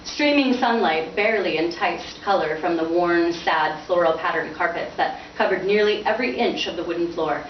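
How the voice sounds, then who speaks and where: A woman author with a somewhat low voice keeps a moderate pace with few pauses as she chats casually and reads dramatic prose from her novel at a bookstore. The recording is roomy, distant, noisy, and bandlimited, with highs cut off.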